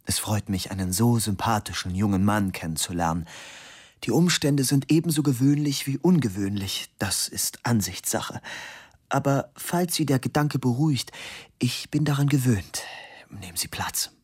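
Ein Mann, der in einer Hörbuchlesung einen verschlafenen, höflich vorwurfsvollen Rechtsanwalt spricht. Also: male voice, medium pitch, moderate pace, a little mellow, husky, lightly acted. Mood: weary polite. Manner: yawning, courteous, reproachful. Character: sleepy, polite, reproachful male lawyer.

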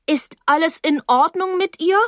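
A woman voicing a panicked young woman who pleads in a high, urgent, shrill voice. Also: a little slow, fairly bright tone, dry recording, clean studio sound.

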